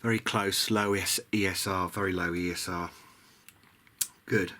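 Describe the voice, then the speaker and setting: Here a low-pitched man with a sharp tone speaks at a measured pace and fairly even intonation. He offers relaxed workbench commentary on a radio restoration, a hobbyist repairer hesitantly musing as he goes.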